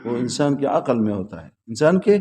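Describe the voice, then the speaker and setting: A man lecturing on logic to a class at a religious school. His voice is dark and mellow. He keeps asking the students questions, waits for their answers and repeats them back patiently, going over each point more than once. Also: mid-range voice, sing-song. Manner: patient, repetitive explaining.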